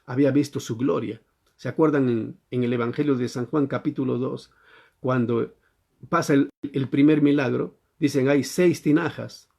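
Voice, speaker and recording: A man's voice: mid-range voice, fairly even intonation, normal speed, gravelly, dark tone. A male pastor with a Chilean accent preaching a church sermon, teaching and often asking his listeners questions. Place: church service during quarantine.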